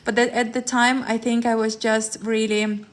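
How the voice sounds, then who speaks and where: A woman's voice: a little high, flat delivery, normal speed. Chatty woman. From Ukraine. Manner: chatty, rambling, laughs often, many fillers and restarts. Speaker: tarot reader. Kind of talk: live-stream chat with viewers.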